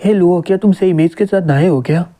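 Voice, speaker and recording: A man reading the lines of an accusing, jealous young woman in a manga recap, in a fairly high, mellow voice. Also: fast talker, natural voice.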